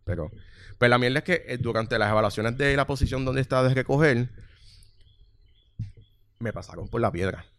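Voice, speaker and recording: A man in his thirties with a Puerto Rican accent, telling a workplace story in casual chat and acting out the voices loudly. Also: mid-range voice, fairly quick, pauses often. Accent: Puerto Rican Spanish. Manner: animated storyteller, acts out quotes loudly, swears freely.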